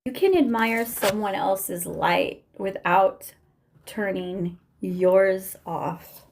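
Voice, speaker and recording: A woman's voice: mid-range voice, extremely slow, vocal fry, a little mellow, a little hiss or hum. A woman delivering an inspirational faith-based monologue to camera, emphatic and drawn out, with some words dropped to a near whisper. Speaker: vlogger.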